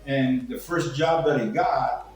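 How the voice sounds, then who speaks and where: Speaking at an unhurried pace in a medium pitch, an older Cuban man spins casual, salty personal yarns that wander, acting out what others said along the way. The room is echoey, he's far from the mic, and music plays faintly.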